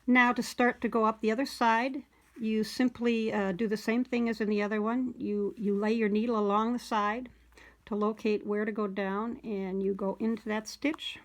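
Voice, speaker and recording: A woman teaching wool appliqué stitching step by step, talking in a relaxed, folksy way with many fillers and homey expressions. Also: a little high, moderate pace. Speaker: sewing instructor. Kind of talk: hands-on craft tutorial.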